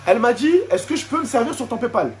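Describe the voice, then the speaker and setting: There's a slight hiss or hum as a man with an extremely high, animated voice rants fast and indignantly to camera for his subscribers. He's a YouTuber with a French suburban street accent, using street slang and Arabic interjections, repeating points and asking rhetorical questions.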